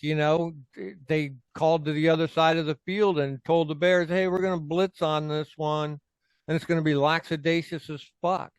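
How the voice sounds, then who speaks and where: A man's voice: on the high side, smooth, no echo. A man co-hosting a casual sports podcast, swearing freely and venting as a frustrated fan. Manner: profane, heated, fan ranting. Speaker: co-host.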